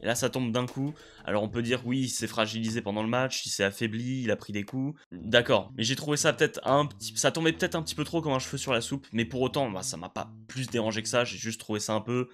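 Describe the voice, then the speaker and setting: A man giving a casual spoken review of a wrestling show, chatty and enthusiastic, often pausing on fillers. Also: mid-range voice, fairly bright tone. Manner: chatty, hesitant with frequent fillers; enthusiastic play-by-play recap.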